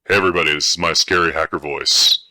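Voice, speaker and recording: A deep, sinister hacker. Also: male voice, steady tone, fast talker, bright, forceful tone, dry recording, full character voice. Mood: mock-menacing. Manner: mock-sinister, tongue-in-cheek. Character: menacing male movie hacker, jokey. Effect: deep voice changer. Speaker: cybersecurity instructor.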